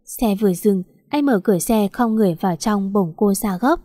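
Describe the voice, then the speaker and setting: Warm, dry-voiced woman reading a story. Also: medium pitch, a little fast, no room sound. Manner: smooth, steady storytelling. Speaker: narrator.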